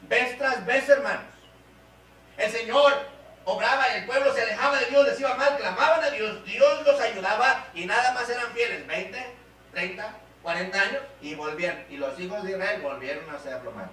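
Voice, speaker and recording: A man with a Mexican Spanish accent preaching a sermon as a guest pastor, swinging between loud appeals and soft, low passages. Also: normal speed. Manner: preaching with big swings in pitch and loudness, dropping low and soft in prayer. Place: church hall. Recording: echoey church hall, voice from a distance, faint hum.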